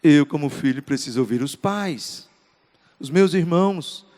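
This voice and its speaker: A middle-aged Brazilian pastor preaches with a high, ringing voice, his words trailing off into the long reverb of a large church hall. He is earnest and emphatic, repeating short phrases to drive his points home. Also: lively intonation, unhurried, darkish tone. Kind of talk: sermon.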